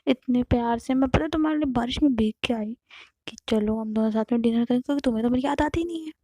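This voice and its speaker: A sulky, reproachful young woman in love, played by a woman telling the story, her voice sitting fairly high and sounding mellow and dry, close to the mic. She rattles off her complaints in quick bursts. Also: no room sound, lightly acted. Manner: sulky, reproachful, fast when worked up. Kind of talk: storytelling role-play.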